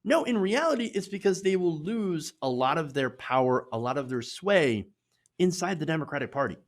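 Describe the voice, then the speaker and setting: A man's voice: on the high side, normal speed. An American man hosting opinionated political commentary, emphatic, repeating his points in short punchy phrases and often tagging them with "right?". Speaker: host of an online political commentary show.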